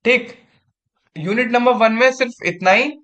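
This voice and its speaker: High-voiced young man tutoring exam prep. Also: moderate pace. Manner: chatty, acts out angry and gentle example lines. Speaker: tutor for engineering exams. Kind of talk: casual exam-prep lecture.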